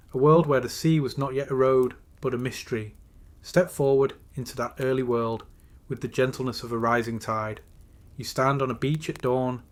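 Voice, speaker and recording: A man narrating a guided sleep story in a soothing, measured way, slowly and with pauses between phrases. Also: medium pitch.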